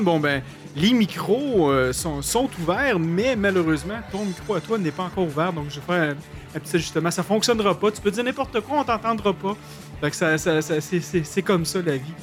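A man with a Québécois accent hosting a casual radio chat, joking and laughing at his own puns, with plenty of fillers. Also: high-pitched. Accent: Québécois French. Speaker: radio show host.

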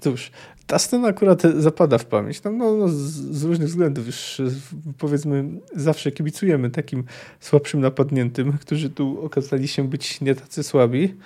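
A man's voice: on the high side, normal speed, dark tone. A man hosting a podcast about a fantasy novel, reading passages aloud and talking about them with many fillers and self-corrections. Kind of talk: book discussion with read-aloud passages.

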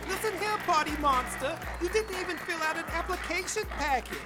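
A woman's voice: very high voice, animated, a little fast. A woman voicing a fussy, scheming old grandma spider in a cartoon, with a dramatic, scolding manner. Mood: irate, scolding. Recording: loud music behind the voice.

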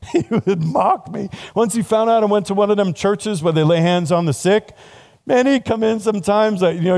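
Middle-aged guy preaching to students, loose and chatty, mellow tone a bit on the high side. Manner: conversational, self-deprecating, laughs often. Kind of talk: sermon to students.

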